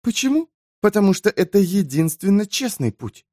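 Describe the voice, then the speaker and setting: A high-strung young preacher harangues the crowd, his voice leaping up and down with fervor, as a male narrator plays him. The sound is close and dry with no room around it. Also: big pitch swings, normal speed, mellow, no echo. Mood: lecturing. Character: excitable young male preacher, defiant and rousing.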